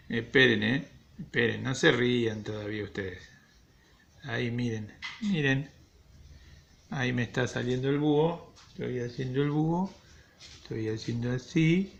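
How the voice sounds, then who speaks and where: A gravelly-voiced man leads a children's phonics lesson in a slow, patient rhythm. His way of talking is playful and encouraging. Faint room noise sits behind him. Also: medium pitch, fairly bright tone, dull audio. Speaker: primary school teacher.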